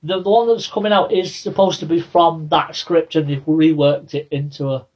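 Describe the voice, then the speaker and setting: A man's voice: fairly high pitch, fairly even intonation, normal speed, a little mellow, husky, lo-fi sound. A man chatting casually about films and TV, often stammering and repeating his first words. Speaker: podcast co-host. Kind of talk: casual film and TV chat.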